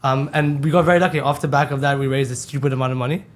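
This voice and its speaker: Guy from dubai talking fast on a podcast, candid and loose, drops swears casually. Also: mid-range voice, steady tone. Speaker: podcast guest, company co-founder.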